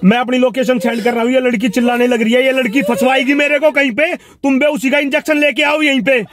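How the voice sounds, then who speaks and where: A man's voice: very high voice, fairly even intonation, fast. A man playing a menacing driver who kidnaps his passenger, threatening and barking orders inside a car. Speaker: driver giving a lift. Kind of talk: hobby skit acting. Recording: loud traffic noise outside.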